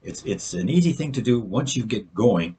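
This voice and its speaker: A man's voice: medium pitch, animated, moderate pace, mellow, slight background noise. A man, a novelist, talking casually to camera about writing, earnest and often restarting words with frequent fillers. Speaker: novelist sharing writing tips.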